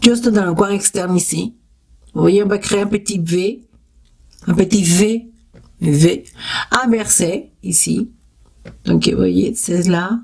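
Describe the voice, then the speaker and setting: A woman's voice: mid-range voice, slow, vocal fry, pauses often, dark tone, breathy edge. Spanish-accented woman chatting through makeup. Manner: chatty and encouraging, talks straight to her viewers; sound effects like "tac" while she works. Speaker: makeup tutorial host. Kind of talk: step-by-step beauty tutorial.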